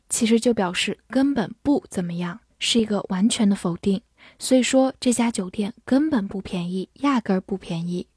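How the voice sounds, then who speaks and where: A woman teaching English vocabulary in Chinese, spelling each word out letter by letter and reading example sentences slowly. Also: fairly high pitch, darkish tone, husky, no room sound, studio quality. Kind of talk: vocabulary lesson.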